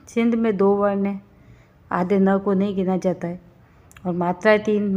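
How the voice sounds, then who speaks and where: This woman teaching Hindi grammar in class has a mid-range, darkish voice; she breaks the lesson into steps and quizzes listeners as she goes. The sound is dull and slightly lo-fi.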